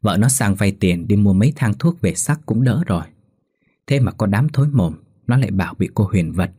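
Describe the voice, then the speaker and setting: A man's voice: on the low side, animated, normal speed, breathy edge, dry recording, studio quality. A man voicing a shaky old village man. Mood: confiding. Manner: shaky, hushed storytelling. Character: anxious old village man, grieving, superstitious.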